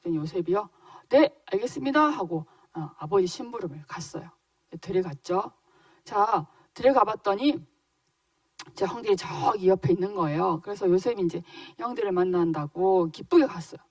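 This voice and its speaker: A woman teaching in a children's church service, telling a Bible story in an animated way and asking the children questions. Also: medium pitch, no room sound, far from the mic, dull audio. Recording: dry voice a little off-mic.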